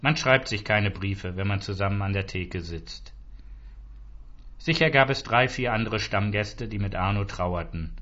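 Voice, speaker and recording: A man with a low voice reads a short story aloud. His narration is dry and ironic, and he gives the punchlines room to land. The recording sounds muffled and lacks top end. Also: a little slow, fairly bright tone. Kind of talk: audiobook reading of a short story. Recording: dull lo-fi recording.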